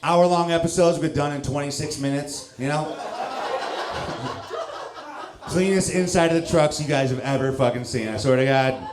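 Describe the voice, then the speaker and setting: A St. Louis, Missouri stand-up comedian in his thirties works a club stage with a handheld mic, his voice sitting on the high side at a moderate pace with long pauses. He's loose and self-mocking, chuckling between lines, while the roomy space carries crowd noise.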